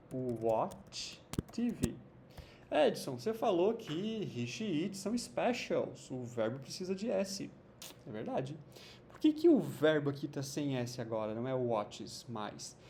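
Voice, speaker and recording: With faint noise behind him, a mellow-voiced English teacher explains grammar in Portuguese, patient and lively in pitch. Frequent "tá?" and "né?" checks punctuate his slow, drawn-out example sentences.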